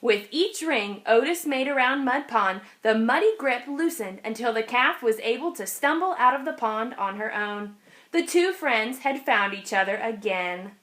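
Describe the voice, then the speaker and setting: There's a woman reading a children's picture book in an expressive, story-driven way. Pitch is fairly high; pace is moderate.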